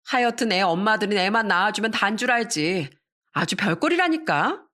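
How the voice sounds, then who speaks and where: A woman's voice: mid-range voice, lively intonation, moderate pace, bright, forceful tone. A woman voicing a smug young mistress who talks in a mocking, haughty way. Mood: sneering.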